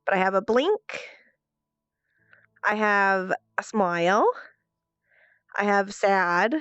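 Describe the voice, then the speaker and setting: A woman's voice: mid-range voice, takes it slowly, clear, resonant tone, no room sound, highs cut off. Nasal, congested woman streamer chatting playfully. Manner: playful, self-mocking, expressive. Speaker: livestreamer and role-player. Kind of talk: casual livestream chat.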